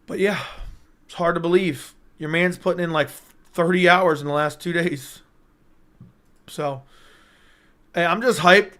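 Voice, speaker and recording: Rambling and hyped, a young MMA YouTuber chats loosely with his livestream viewers through a personal streaming mic, answering their comments as they arrive. His slightly high voice is strained and drops in and out, yet the tone beneath stays clear. He talks a little slowly with frequent pauses, and sounds a bit bright.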